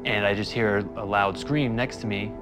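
A young man giving a quiet, remorseful documentary testimony. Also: on the low side, normal speed. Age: young adult. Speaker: interviewee. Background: soft guitar music.

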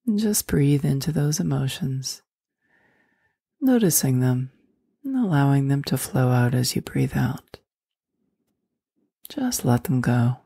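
A woman leading a guided meditation in a soft, soothing voice that often drops into a whisper. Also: rumbling low, big pitch swings, slow pace, vocal fry, long pauses, husky, no room sound, clean studio sound.

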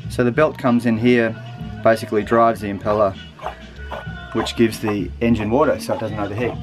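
A man's voice: on the low side, normal speed, over music. Man casually explaining boat engine repairs. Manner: relaxed, matter-of-fact, hesitant with ums. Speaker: sailing vlogger. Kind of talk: casual how-to narration. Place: aboard a sailboat, engine bay and deck outdoors. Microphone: handheld action camera.

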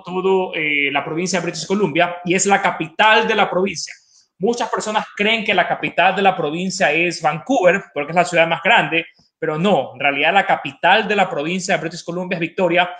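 An Ecuadorian man with a bright, high voice represents a college as a webinar guest, giving enthusiastic, explanatory promo talk in an informal interview and repeating words for emphasis. He's calling in by video from a living room with an open kitchen, where the audio picks up a roomy echo.

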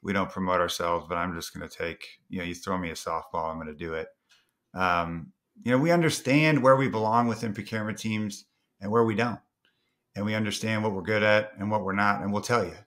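A man's voice: on the low side, steady tone, fairly quick, fairly bright tone. A man speaking as a podcast guest, confident and playful as he talks up his company. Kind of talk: casual interview chat.

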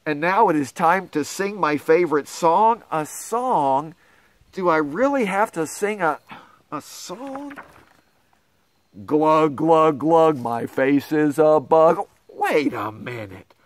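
Reading a picture book to schoolchildren, a middle-aged pastor hams up exaggerated astonishment and dismay. His voice is high-pitched, captured in a dry recording.

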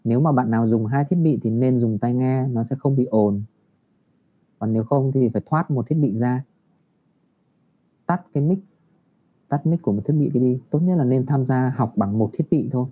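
Male teacher over a video call, patient and encouraging with young pupils, drawing out English phrases slowly, muffled sound. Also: mid-range voice. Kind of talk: online English lesson for primary children. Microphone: computer mic on a video call. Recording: dull lo-fi video call audio.

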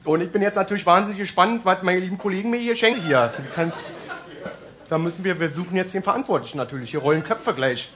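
A man's voice: high-pitched, fast talker. A man doing stand-up comedy, brash and mock-grumpy as he banters with the audience. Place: theater stage before audience. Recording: live stage with audience laughter and noise.

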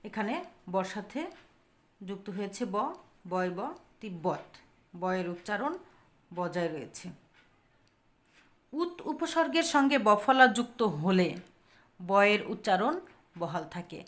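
A woman's voice: medium pitch, animated, a little slow, long pauses. Woman, online grammar teacher, repeats example words, answers her own questions. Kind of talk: grammar lesson explaining pronunciation rules.

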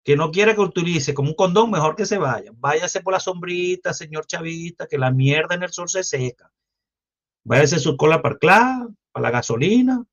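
A Venezuelan man with a Venezuelan accent rants on his livestream, crude and mocking as he rambles from one jab to the next. His voice sits on the higher side for a man. The audio is dull and lo-fi, like a muffled stream. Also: animated, normal speed. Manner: foul-mouthed, mocking, loose and rambling. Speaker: livestream host. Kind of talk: crude political livestream rant.

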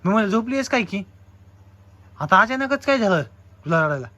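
Bright high-voiced man coaxing gently. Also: very animated, moderate pace. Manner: gently coaxing, asks again and again. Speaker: husband and vlogger. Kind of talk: casual family vlog.

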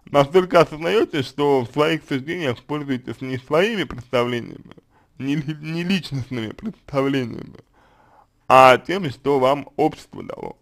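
Calm, hesitant man giving advice. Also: medium pitch, moderate pace, vocal fry. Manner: hesitant, many fillers and restarts. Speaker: consultant answering a question. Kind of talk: unscripted spoken advice.

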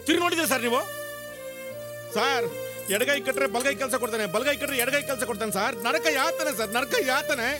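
A man's voice: very high-pitched, quick pace. An actor playing a comic, complaining male police constable who whines theatrically. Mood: whining. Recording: film soundtrack with music.

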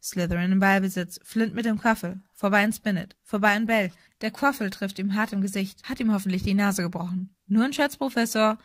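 Cheeky teen boy commentator, quick play-by-play, dry sound, read by a woman. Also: mid-range voice, no echo, lightly acted. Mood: excited. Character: excited male teenage match commentator. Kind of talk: audiobook reading.

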